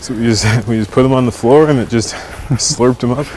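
A man's voice: medium pitch, moderate pace, darkish tone, a little hiss or hum. A man co-hosting a podcast, telling stories in casual chat while walking outside, wry and laughing mid-sentence. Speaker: podcast co-host. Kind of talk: casual storytelling chat outdoors.

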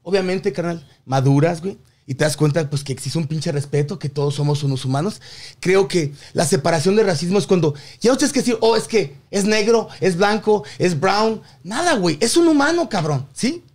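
A Mexican man co-hosts a podcast, chatting casually with a Mexican accent. His voice is on the high side and darkish, fairly quick, with lively intonation. He talks in heavy slang and swears emphatically.

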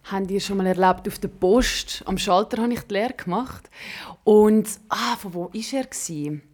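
A woman hosting a casual chat, telling stories with quick asides. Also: mid-range voice, darkish tone. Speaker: host.

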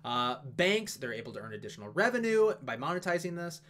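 A man talking fast and casually as he walks through an investment analysis, with plenty of fillers and asides. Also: on the high side, very animated, a bit bright. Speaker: investing video host. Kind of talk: casual stock analysis talk.

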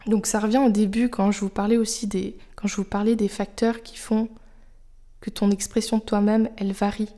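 A young podcast host whose first language is French thinks aloud on her personal show, soft and confiding, at times dropping almost to a whisper. Her warm, mellow voice stays at a middle pitch with little pitch movement, and she sounds reflective and unhurried, sharing her own thoughts with listeners.

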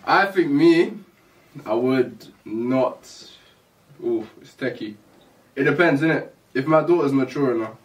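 A man's voice: medium pitch, lively intonation, unhurried. A man, co-hosting a podcast in casual chat full of slang and laughter. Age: early 20s. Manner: laughs often, heavy slang. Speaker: podcast co-host. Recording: distant mic.

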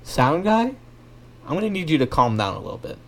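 A young man cohosting a comedy podcast, animated and mock-dramatic. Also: on the high side, a little fast, creaky, a crowd in the background.

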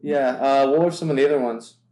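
A man's voice: medium pitch, steady tone, fairly quick, warm tone. A man co-hosting a podcast in casual chat, telling stories in a rambling, stop-start way. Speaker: podcast co-host. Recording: echoey room.

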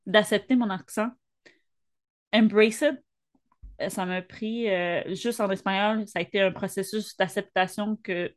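A woman co-hosting a podcast, speaking in a reflective, personal way with brief hesitations in a casual chat. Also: medium pitch. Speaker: podcast co-host.

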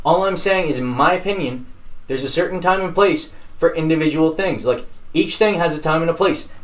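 A man's voice: on the high side, brisk. A young man co-hosting a podcast, joking casually and profanely with friends. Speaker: podcast co-host. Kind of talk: casual banter among friends.

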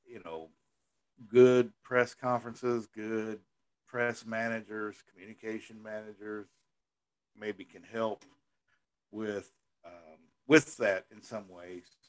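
A man co-hosting a casual podcast chat, talking in a measured, reflective way that often trails off softly. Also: on the low side, level tone. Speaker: co-host.

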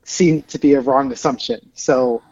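A man's voice: medium pitch, fairly even intonation, normal speed, a little mellow, lo-fi sound. A man co-hosting a casual motorsport podcast, eager and talking over the others. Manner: enthusiastic, talks over others. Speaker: podcast co-host.

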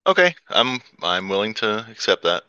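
A man's voice: on the low side, big pitch swings, moderate pace, bright, forceful tone, clean tone, no room sound, muffled recording. A man playing a tabletop role-playing game, talking through his moves with fillers and the odd swear. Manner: hesitant, swears, many fillers. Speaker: player. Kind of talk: tabletop game play, casual.

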